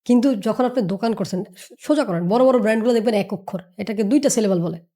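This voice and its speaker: A woman talks as a business mentor on a podcast. Her fairly high voice races along at a brisk clip. She drives her points home with emphasis, repetition and rhetorical questions. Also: mellow. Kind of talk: motivational podcast talk.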